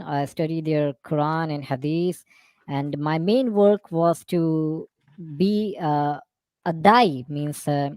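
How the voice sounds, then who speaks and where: Man, Indian accent, voice-changer disguise effect, halting interview answers, rephrased phrases, dry sound. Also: fairly high pitch, a little mellow, no room sound. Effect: voice changer disguising the real voice. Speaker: interview guest, former student of Islamic preaching.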